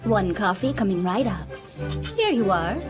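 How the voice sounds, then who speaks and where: A woman's voice: medium pitch, animated, moderate pace, close to an everyday voice. A woman in an English anime dub playing a sly maid with polished, formal speech and a teasing edge. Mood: formal poise. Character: poised, sly young female maid who teases guests. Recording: music behind the voice.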